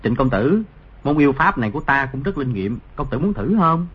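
A woman's voice: very deep voice, big pitch swings, brisk, slightly rough, pitched below the performer's own voice, heavily acted. A woman voicing a sly, mischievous young male rogue with a teasing, cocky manner, in a slightly dull recording.

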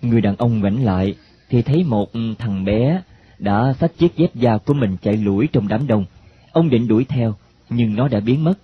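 A man narrating a story in a plain, steady reading. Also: mid-range voice, normal speed. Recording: dull lo-fi recording, faint hiss.

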